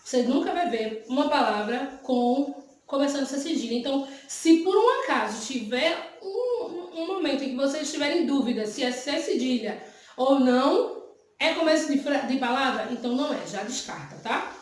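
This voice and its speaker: A woman's voice: high-pitched, animated, moderate pace. A woman teacher with a Brazilian Portuguese accent who patiently explains exercises to young pupils, often checking in with them. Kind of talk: remote classroom lesson, explaining exercises. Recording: very echoey room.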